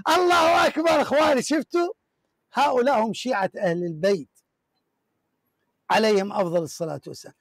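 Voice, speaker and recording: A man hosts a heated religious debate with a caller, reading from books in an emphatic, repetitive, declaiming manner. His high-pitched voice is animated, fast, and creaky, broken up by long pauses.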